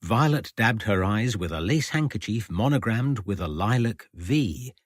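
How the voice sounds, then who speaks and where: A man reading an audiobook in an expressive, measured storytelling manner. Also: fairly low pitch, no echo, clean studio sound. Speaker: audiobook narrator. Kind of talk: scripted narration.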